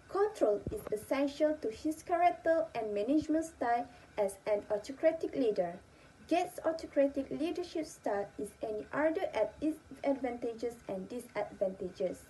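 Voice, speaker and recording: A young woman presents from a script like a student. Her voice is high and mellow, over faint background noise. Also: low-quality recording. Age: young adult.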